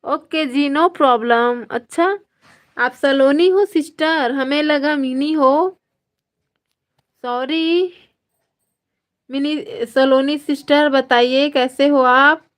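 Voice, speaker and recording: Slow-talking high-voiced woman live streamer. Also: steady tone. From Chhattisgarh, India. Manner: slow, drawn-out friendly addressing of viewers by name. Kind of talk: casual live chat reading viewer comments.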